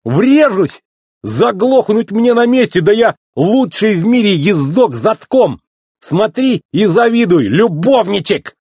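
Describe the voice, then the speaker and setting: A man voicing a goofy, boastful old tow truck in a storybook reading, with a husky, sing-song teasing drawl. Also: on the high side, expressive, unhurried, a little mellow, no room sound, clean studio sound, pitched above the performer's own voice.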